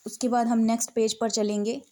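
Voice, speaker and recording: A woman teaching scripture recitation, patiently breaking verses into slow, word-by-word chanting. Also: a little high, little pitch movement, dark tone.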